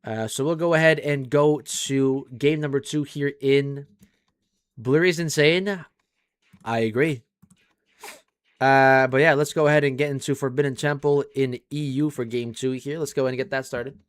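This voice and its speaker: A man's voice: mid-range voice, steady tone, normal speed, smooth, dry recording. A young man casually hosting a game tournament on a live stream, chatting loosely and calling the results. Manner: laid-back, chatty, says "like" and "bro" often.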